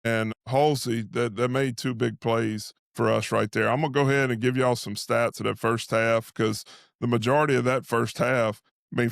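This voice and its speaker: A man's voice: medium pitch, gravelly, no echo, studio quality. A man giving casual halftime football commentary as a host who talks like an invested fan of the team. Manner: speaks as an invested fan, saying "we". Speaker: sports show host and analyst.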